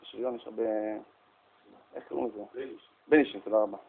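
A man giving a humorous storytelling talk, animated and jokey, speaking straight to his listeners. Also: mid-range voice, vocal fry, slight background noise. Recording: tinny phone-like sound.

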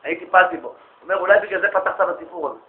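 A man giving a storytelling religious lecture to an audience, lively and anecdotal, acting out the dialogue he quotes. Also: high voice, slight background noise. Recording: echoey, phone-like lo-fi recording.

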